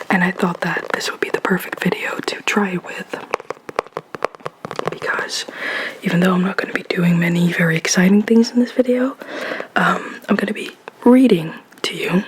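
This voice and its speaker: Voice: medium pitch, low-quality recording. Rambling close-mic ASMR whisperer. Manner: rambling, giggly, stumbling over words. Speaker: ASMR channel host. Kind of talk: ASMR whispering and soft-spoken talk. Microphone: close microphone covered with a sock.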